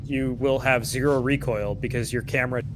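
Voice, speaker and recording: Co-host guy on a noisy voice call, average pitch, explaining in a halting way until his audio drops out abruptly mid-sentence. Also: steady tone. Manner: hesitant, explaining with restarts and ums. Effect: voice cutting out suddenly mid-sentence over an online call. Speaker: co-host of a game let's-play. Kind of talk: casual gameplay chat. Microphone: online voice call.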